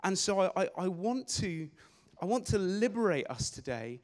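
A young man preaching a sermon on a church stage with a handheld mic, energetic and gesturing, often repeating words as he restarts phrases. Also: high voice, moderate pace. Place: church stage in a large hall. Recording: long hall reverb.

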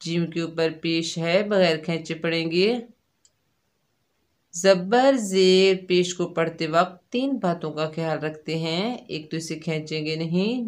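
In this tajweed lesson, a woman with a fairly low voice patiently explains each letter of Quran recitation step by step. She follows with slow syllable drills, chanting each one drawn out and louder.

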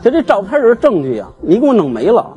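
A man, a guest telling his grievance on a TV talk show in an animated, aggrieved way. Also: high-pitched, fast talker, breathy edge, lo-fi sound. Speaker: guest, husband seeking divorce. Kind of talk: emotional storytelling on a TV talk show.

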